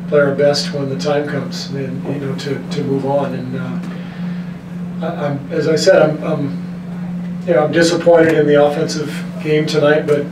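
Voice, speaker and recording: Flat-voiced male coach, echoey press room. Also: on the high side. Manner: measured, frank, many restarts and fillers. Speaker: basketball head coach. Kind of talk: post-game press conference answers. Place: press room in front of a team backdrop. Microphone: desk mic on a stand, recorded from the room. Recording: echoey room from far off with background noise.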